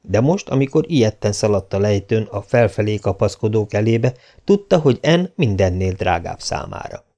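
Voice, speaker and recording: A man narrates an audiobook in a measured, steady way. His voice is dark and gravelly. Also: fairly low pitch. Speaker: audiobook reader. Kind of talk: scripted narration.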